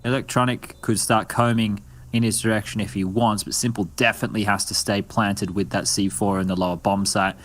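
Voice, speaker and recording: A man's voice: fairly low pitch, flat delivery, a little fast, a bit bright. A man giving live color commentary on an esports match, chatty and analytical with joking asides, on a headset mic. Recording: clear background noise with clicks.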